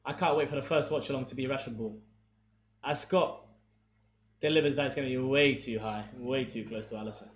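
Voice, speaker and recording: A young man giving casual, excitable football commentary on a livestream, chatting with his viewers between plays. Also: mid-range voice, brisk. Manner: casual, excitable play-by-play, talks to chat. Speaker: streamer commentating a football watchalong. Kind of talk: live match commentary and chat with viewers. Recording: echoey room with faint background noise.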